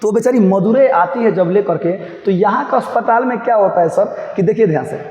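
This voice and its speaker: A male teacher with a high voice walks students through a story line by line. He repeats key phrases, checks that they follow, and calls them "babu". His voice rings in a large hall with a long reverb over faint noise. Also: normal speed, a little mellow. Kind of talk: line-by-line lesson explanation.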